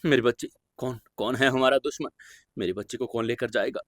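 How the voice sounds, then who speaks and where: A man's voice: medium pitch, moderate pace, dry recording, clean studio sound, close to an everyday voice. A man voicing a grieving, frantic mother. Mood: tearful. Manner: tearful, pleading, hushed.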